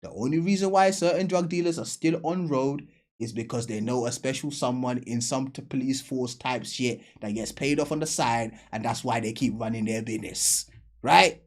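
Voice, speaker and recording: A man hosts a reaction video and comments as he watches. His talk is blunt and full of slang, delivered with emphasis. His voice is a little husky and sits at a middle pitch. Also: moderate pace. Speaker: reaction channel host.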